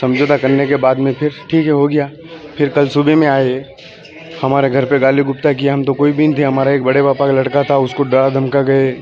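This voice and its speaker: A man recounting being attacked, telling a reporter in halting, repetitive speech with many restarts. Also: medium pitch, flat delivery, darkish tone, lo-fi sound, soft background music. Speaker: victim giving a statement. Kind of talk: on-the-spot account to a reporter.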